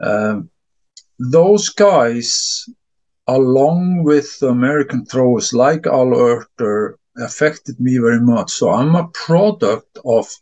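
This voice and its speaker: An expressive, slow, mid-range voice with a bit of mellowness belongs to a middle-aged Icelandic discus coach giving earnest interview answers at home in English, which isn't his first language. He repeats words often as he collects his thoughts, and the recording sounds lo-fi.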